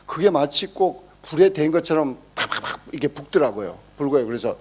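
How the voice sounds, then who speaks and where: A man preaching a sermon, telling a story with animated exclamations and acting out quoted speech. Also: a little high, fairly quick, husky. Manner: emphatic exclamations. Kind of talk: sermon testimony.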